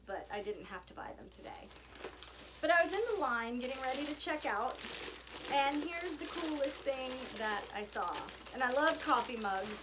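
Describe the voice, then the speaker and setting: A woman's voice: mid-range voice, a bit bright, a little hiss or hum. A woman chatting casually in a personal video, candid and self-deprecating, rambling as she goes. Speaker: vlogger.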